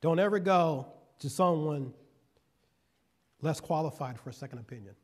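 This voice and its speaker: A man's voice: a little high, animated, normal speed, a little mellow. A male guest preacher giving a sermon, reading scripture verses and then explaining them in folksy asides. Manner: repeats key phrases for emphasis.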